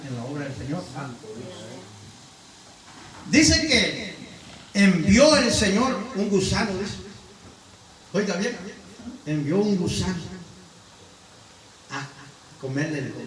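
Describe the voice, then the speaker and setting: A man preaching a sermon, talking straight to his listeners with rhetorical questions and swinging from loud exclamations to low murmurs. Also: reverberant, far from the mic, poor audio.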